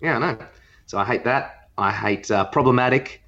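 A man with an Australian accent co-hosts a podcast, offering casual opinions in a hesitant, rambling way. His voice is medium-pitched with a sharp tone at a normal speed, and the lo-fi recording sounds slightly dull.

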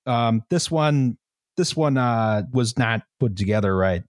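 A man's voice: mid-range voice, animated, unhurried, smooth, no echo. Man explaining in a dry recording. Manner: explains at length, tags lines with "right?", many fillers. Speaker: podcast host presenting the history. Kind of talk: casual history podcast chat.

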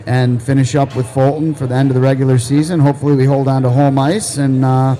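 A man speaking as a coach, giving measured, deliberate and halting interview answers. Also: medium pitch, flat delivery, warm tone, rough recording. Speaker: head hockey coach.

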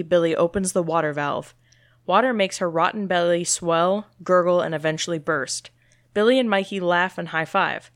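A woman with a fairly low voice reads a screenplay's stage directions in a steady, matter-of-fact way. The sound is dry and close, with little room around it. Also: dry recording. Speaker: script reader.

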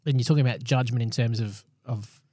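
A man's voice: mid-range voice, a little fast, warm tone, husky, no room sound, studio quality. A man with a mid-range voice hosts a podcast as a pastor. He chats casually, affirming his partner and explaining his points. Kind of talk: casual conversational podcast chat.

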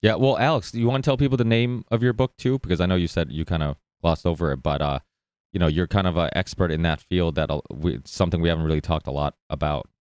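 A man's voice: sits low, fast, darkish tone, smooth, no room sound. A man hosting a live online panel show, talking in a loose, friendly way with many fillers and restarts. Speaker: host.

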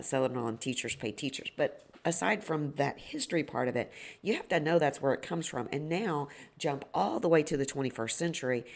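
A woman with a gravelly, slightly sniffly, hoarse voice, hosting a solo podcast and explaining things reflectively as an educator. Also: very deep voice. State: hoarse and slightly sniffly after a long day of judging. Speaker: podcast host and dance educator. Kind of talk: solo podcast talk, informal teaching.

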